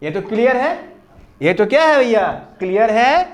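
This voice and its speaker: A man's voice: extremely high pitch, sing-song, moderate pace. A man teaching English grammar to a class, with a Hindi accent, drilling pupils with repeated questions and answers. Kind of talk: classroom lesson.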